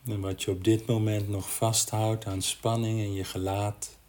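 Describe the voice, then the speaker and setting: A man guiding a body-scan meditation in a gentle, unhurried manner with long pauses. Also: lowish voice, little pitch movement. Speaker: meditation guide.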